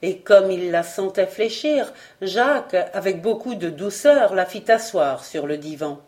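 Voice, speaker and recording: A woman reading a novel chapter aloud as an audiobook narrator, with measured, expressive delivery. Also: mid-range voice. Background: faint background music.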